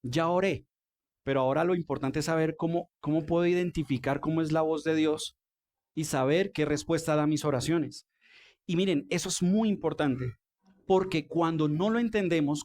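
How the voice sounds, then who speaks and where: A Colombian man preaches in church in a relaxed, talky way. His voice sits a little high for a man. He keeps turning questions back to the congregation. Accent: Colombian Spanish. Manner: conversational, asks the congregation questions. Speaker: pastor. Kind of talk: sermon.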